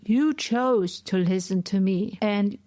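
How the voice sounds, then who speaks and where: A woman's voice: mid-range voice, slow pace, warm tone, dry recording, clean studio sound. A woman in her forties hosting a solo podcast from her home office, explaining her points in a lecturing way and often adding "right?". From Asia. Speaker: podcast host.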